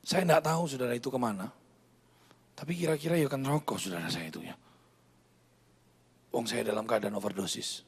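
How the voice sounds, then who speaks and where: A pastor, preaching a sermon with personal testimony, dramatic and swinging from hushed to loud. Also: male voice, fairly high pitch, husky. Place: church service.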